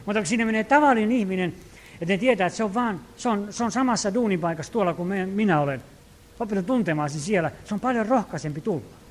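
A male pastor preaching a sermon, earnest, swinging from loud calls to hushed asides, acting out quoted prayers. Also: sits high, animated. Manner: acts out quoted prayers and commands.

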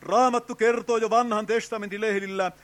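A man's voice: high voice, fairly even intonation, fairly bright tone. An older man preaching an evangelistic sermon at a tent revival, fervent and pleading, crying out "oh" and calling to his friends. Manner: fervent, with frequent drawn-out "oh" cries and direct appeals to "friends".

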